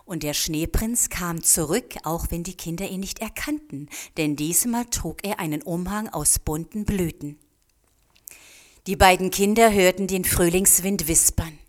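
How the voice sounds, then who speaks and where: A woman reading a children's story aloud in a gentle manner, often dropping into a soft whisper. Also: on the low side, a little slow. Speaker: narrator.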